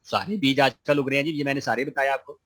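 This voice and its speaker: A man's slightly bright, mid-pitched voice carries an online gardening lesson in which he reads student questions and responds with patience and encouragement. His warm, friendly manner includes frequent religious phrases.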